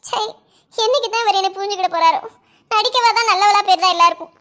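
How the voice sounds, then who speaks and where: A wronged young wife, as a woman puts her on, fires back in a shrill, piercing voice. She talks fast and sarcastically, and her high, bright tone never lets up. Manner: shrill, indignant, quick, sarcastic. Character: sharp-tongued young wife who feels wronged.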